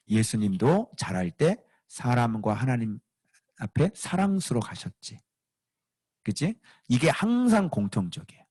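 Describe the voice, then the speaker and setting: Husky male preacher, animated sermon delivery, builds to loud emphatic peaks, dry recording. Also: mid-range voice, dry recording. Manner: animated, asks the congregation questions, rises to shouting emphasis. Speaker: pastor.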